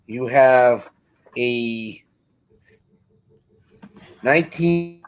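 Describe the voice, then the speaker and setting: A man's voice: mid-range voice, extremely slow, faint music behind. A man calling auction lots over a video call whose audio keeps breaking up, so his words come through in short fragments. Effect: choppy, breaking-up video call audio. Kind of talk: live online auction calling.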